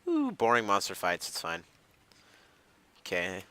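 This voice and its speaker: A man's voice: low-pitched, wildly swooping pitch, a little slow, pushed and bright, poor audio. A young man giving casual gameplay commentary, rambling with many fillers and restarts. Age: young adult. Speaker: gamer.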